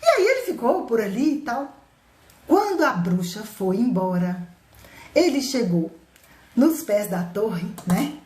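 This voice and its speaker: A woman telling a fairy tale live to her viewers, animated and chatty, often laughing. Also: on the high side, takes it slowly, slight background noise. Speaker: storyteller. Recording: roomy echo.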